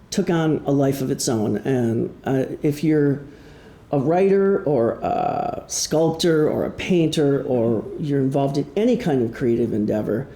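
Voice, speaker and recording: Wry and self-deprecating, this middle-aged man tells stories during an informal author talk prepared for an audience at an indoor live presentation. He speaks with a fairly high pitch and warm tone, recorded in an echoey room.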